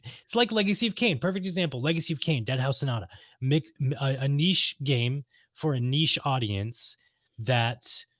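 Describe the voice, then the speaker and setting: In a casual chat about video games, a male podcast co-host with a mid-range voice speaks emphatically, repeating his points and holding firm opinions. The recording is studio quality with no room sound.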